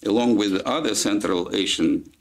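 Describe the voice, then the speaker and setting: A man from Kazakhstan with a Kazakh accent, giving a formal lecture in a halting way with many filler sounds. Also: lowish voice. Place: lecture hall.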